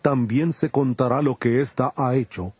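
A man playing Jesus in a dramatized scripture recording, a solemn and authoritative teacher with measured delivery. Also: medium pitch, steady tone, darkish tone, slightly rough, no echo, natural voice. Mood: firm, gentle. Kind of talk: dramatized scripture audio acting.

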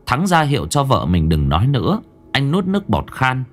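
A man narrating a scripted horror story, dramatic and hushed at tense moments. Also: medium pitch, wildly swooping pitch, a little fast, soft background music.

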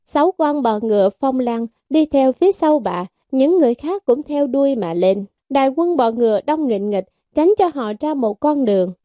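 A woman giving steady, scripted audiobook narration of a fantasy novel. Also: sits high, normal speed, few pauses, no room sound, studio quality. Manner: steady storytelling.

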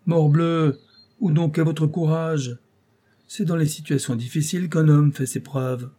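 A man's voice: mid-range voice, normal speed, mellow, natural voice. A man reading an audiobook, voicing a scheming aging job broker who talks in a coaxing, lecturing, ironic way. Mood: urging. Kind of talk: audiobook character voice.

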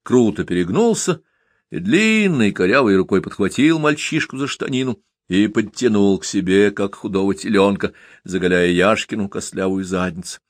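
Male audiobook reader, lively dramatic delivery, dry close sound. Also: lowish voice, normal speed, dry recording. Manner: dramatic, animated storytelling. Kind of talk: expressive audiobook narration.

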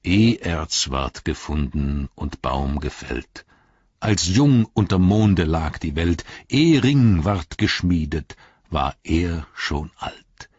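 A man voicing an ancient, wise wizard who speaks in a grave, measured, riddling way in an audiobook reading. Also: sits low, lively intonation, darkish tone, breathy edge, dry recording, muffled recording, heavily acted. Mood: incanting.

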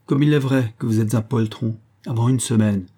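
A man's voice: medium pitch, fairly even intonation, normal speed, warm tone, lightly acted. A man voicing a proud young chevalier who answers with haughty threats in an audiobook reading. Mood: defiant.

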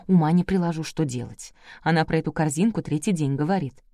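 A woman voicing a worried young woman in an audiobook, speaking in a hushed whisper. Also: low-pitched, fast, no room sound, clean studio sound.

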